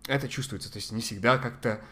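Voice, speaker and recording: A man giving conversational psychological advice as a podcast guest, sometimes halting to search for Russian words. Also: medium pitch, fairly bright tone.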